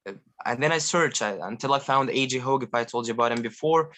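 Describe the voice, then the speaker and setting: Speaking quickly in a mid-range voice, this Egyptian guest polyglot in his twenties talks in non-native, American-accented English during a relaxed interview. He's lively, laughs often, and keeps restarting what he says.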